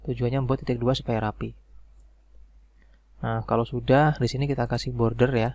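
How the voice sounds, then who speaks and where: A man calmly walking through a spreadsheet tutorial step by step, with frequent "nah" and "oke" fillers. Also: medium pitch, moderate pace, no room sound. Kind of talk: screen-recorded software tutorial.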